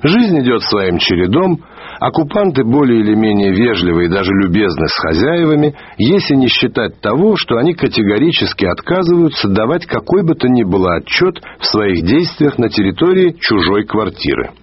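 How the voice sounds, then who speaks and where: A man reading a literary review aloud in a measured way, slowing down to stress key words, heard on an old archive radio recording. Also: fairly low pitch, very animated, slightly rough, no echo, muffled recording. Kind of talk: read literary commentary.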